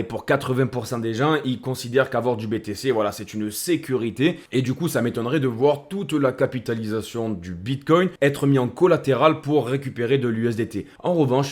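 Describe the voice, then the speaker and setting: A man's voice: medium pitch, a little mellow. A man hosting a casual crypto commentary, speaking in a chummy way that addresses the viewer as a buddy. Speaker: crypto video host.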